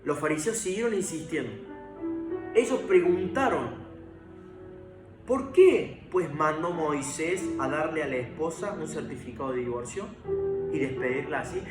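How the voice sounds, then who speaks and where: Preacher, male, higher voice, earnest sermon, echoey room, music underneath. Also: expressive, normal speed, far from the mic. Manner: earnest, preaching to viewers, emphatic swells.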